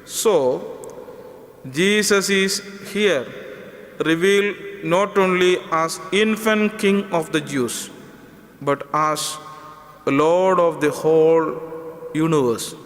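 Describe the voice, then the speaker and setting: A man, a priest, reading the gospel and preaching in a slow, measured, solemn way, his voice ringing in a large church with cathedral echo. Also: fairly high pitch, fairly bright tone. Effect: long cathedral-like reverb. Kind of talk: liturgical gospel reading and homily. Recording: echoey church hall with long reverb.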